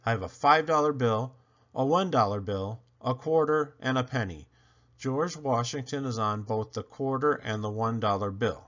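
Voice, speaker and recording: In a playful, swooping storyteller style, a man reads a children's picture book with dramatic, emphatic phrasing. His mid-range voice keeps a moderate pace, and the recording is muffled.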